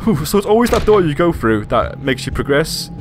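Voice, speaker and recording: A man's voice: fairly high pitch, sing-song, fairly quick, music in the background. A frightened man commenting on a horror game as he plays, jittery, swearing and talking to himself. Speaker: let's play gamer.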